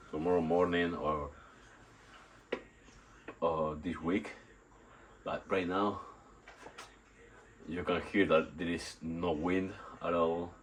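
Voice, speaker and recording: Male workout vlogger, unwell, very deep voice, hesitant casual delivery, noticeable background noise on an outdoor phone recording. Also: poor audio. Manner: halting, rambling, repeats and searches for words. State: sick and nauseous. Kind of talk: casual unscripted workout vlog. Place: outdoors in a still yard under a tarp. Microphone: phone on a tripod.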